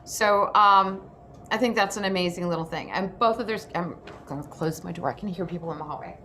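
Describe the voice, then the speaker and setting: A host and photographer runs a casual indoor workshop, talking informally, chattily and with emphasis. Her voice is on the low side, fairly quick, bright and forceful, and the recording picks up noticeable background noise.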